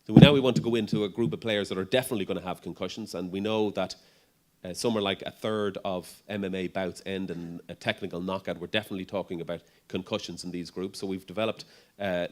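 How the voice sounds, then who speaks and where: A middle-aged man, a neurologist, giving a conference talk and answering questions in a loose conversational way, with fillers and restarts. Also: low voice. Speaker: neurologist speaker.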